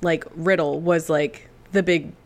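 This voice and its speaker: A woman co-hosting a casual podcast chat, wry and quick to laugh, sleep deprived. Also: low-pitched, fairly even intonation. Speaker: podcast co-host.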